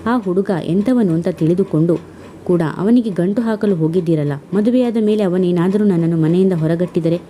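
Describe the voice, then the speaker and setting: A defiant young woman, wounded and bitter, her voice low and dark as a female storyteller puts her on. She speaks with a hard edge, in a storybook reading. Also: fairly quick, slight background noise, natural voice.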